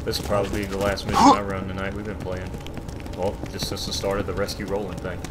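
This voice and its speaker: A man's voice: low voice, little pitch movement, quick pace, heavy background noise. A man casually commentating his gameplay with friends, swearing and cheering as he plays. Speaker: gaming host. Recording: game gunfire loud behind.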